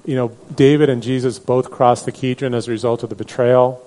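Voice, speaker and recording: Mellow-voiced man teaching a Bible class. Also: medium pitch, fairly even intonation, fairly quick. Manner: conversational, many "you know" fillers and restarts. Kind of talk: Bible study lecture.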